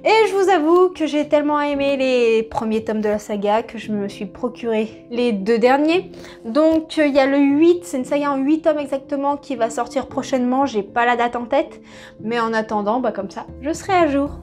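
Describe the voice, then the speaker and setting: In a home vlog, a woman in her thirties with a high voice chats about her new manga haul, often pausing and hesitating mid-sentence. Soft music plays quietly behind her, and a camera in front captures her at mid-shot.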